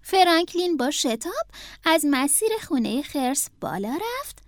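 A woman reads a children's storybook aloud, and her voice sits very high. Her narration rises and falls in a lively, expressive way. The recording is dry, with no room echo.

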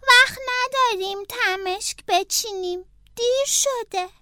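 A woman voicing a small, timid, tearful snail who speaks slowly, drawn out and pleading. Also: extremely high pitch, sharp tone, no echo, studio quality, pitched above the performer's own voice. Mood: urging.

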